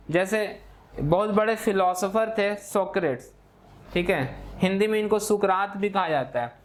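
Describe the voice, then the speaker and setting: A man's voice: sits high, a little hiss or hum. A man teaching a math class, explaining step by step in a patient lecture style, often checking in with "okay" and switching into for key terms. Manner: explanatory, repeats "ठीक है" often, mixes English terms in.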